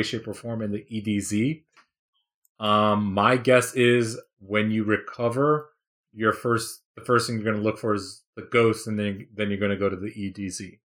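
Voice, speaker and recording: A man hosting a casual gaming podcast, chatty and excited, with a rambling way of talking. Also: lowish voice. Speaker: podcast host. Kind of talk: casual chat.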